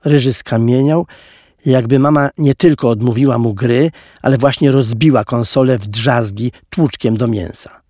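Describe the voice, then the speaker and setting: A man narrating an audiobook in an expressive storytelling manner, recorded on a close studio mic. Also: mid-range voice, normal speed, dry recording. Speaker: audiobook reader.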